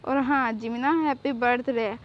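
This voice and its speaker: Chatty young fan girl, higher voice. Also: fairly even intonation, normal speed. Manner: chatty, enthusiastic, fannish. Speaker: fan storyteller. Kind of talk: casual outro to viewers. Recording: dull lo-fi with faint noise.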